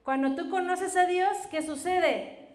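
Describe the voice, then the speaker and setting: High-voiced woman teaching slowly. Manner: asks questions and answers them, with frequent "ajá". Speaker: Bible teacher. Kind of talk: Bible teaching talk. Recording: roomy echo.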